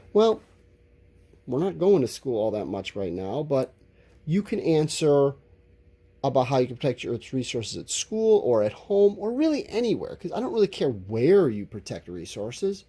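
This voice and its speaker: Explaining things as he writes answers during a school lesson, this male teacher speaks informally and draws out his words while thinking aloud. He has a mid-range, warm voice that is slightly rough.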